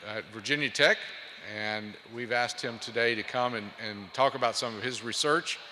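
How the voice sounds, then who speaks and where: A man's voice: medium pitch, moderate pace, sharp tone. A man who directs a research center, introducing the next speaker at a conference and hesitating often with fillers. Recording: reverberant hall with faint noise.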